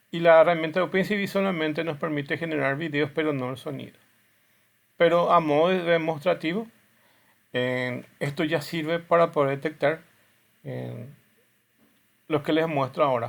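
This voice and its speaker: A man's voice: on the high side, vocal fry. A man teaching a class, explaining step by step while he shows videos and often checks in with the students. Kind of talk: classroom lecture with video demos.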